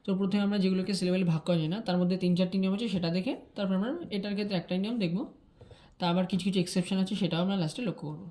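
Brisk woman teaching grammar. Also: mid-range voice, dark tone. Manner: brisk, repeats key terms, checks understanding with the listener. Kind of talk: explaining grammar rules to students.

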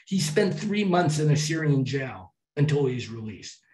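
A man's voice: mid-range voice, big pitch swings, unhurried, darkish tone. A man giving a public talk to an audience and telling travel stories in a chatty way, with some restarts. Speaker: travel speaker. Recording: echoey hall from far off.

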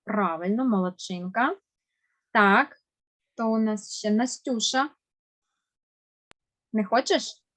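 A woman with a medium-pitched, fairly bright voice leads an online language lesson for kids via video call. She's patient and encouraging, lays slow, careful stress on words, and offers praise for each answer.

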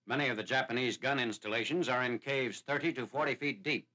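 A man reading a scripted wartime newsreel narration in a formal, measured announcing manner, heard on an old 1940s newsreel soundtrack. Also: mid-range voice, sharp tone. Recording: noisy, hissy 1940s newsreel film soundtrack.

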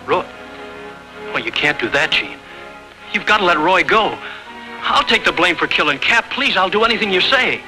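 A man's voice: sits high, very animated, moderate pace, pauses often, sharp tone, full character voice, rough recording. An actor playing an earnest, pleading young man mixed up with outlaws in a 1940s western film. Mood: desperate, pleading. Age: young adult. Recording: old 1940s film soundtrack with music.

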